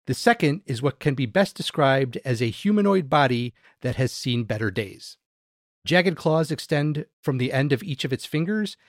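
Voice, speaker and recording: A man's voice: mid-range voice, no room sound, clean studio sound. A man narrating a tabletop game as game master, describing scenes and stammering a little when he restarts.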